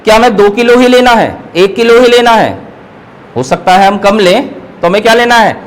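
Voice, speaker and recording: A man's voice: high voice, expressive, moderate pace, rough recording. A man teaching an online math class. He explains patiently and keeps checking that his students follow. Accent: Hindi, North Indian.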